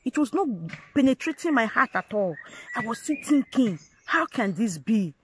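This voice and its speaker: A woman vlogger earnestly recounting her life story to viewers, talking in halting phrases that she often repeats and restarts. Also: on the high side, sing-song, a little hiss or hum, low-quality recording. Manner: earnest, addresses viewers directly. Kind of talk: personal storytelling to camera.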